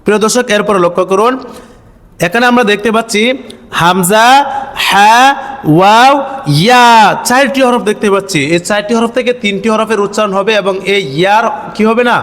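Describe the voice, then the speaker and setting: A man teaching Quran reading. He spells out letters and vowel marks step by step, asks questions and answers them himself, and chants each syllable slowly. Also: high voice, a bit bright. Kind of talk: step-by-step recitation lesson. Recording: long hall reverb.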